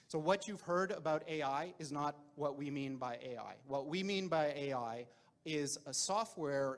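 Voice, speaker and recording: A man in his forties presenting informally at a tech event, wry and conversational, speaking into a handheld microphone. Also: a little high. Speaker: tech founder giving a presentation. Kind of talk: informal conference talk. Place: indoor presentation room.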